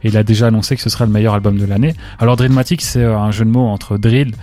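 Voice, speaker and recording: Fast-talking man, chatty co-host. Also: on the low side, fairly even intonation, mellow. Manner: quick, chatty, many "euh" fillers, opinionated. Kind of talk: casual chat about rap news.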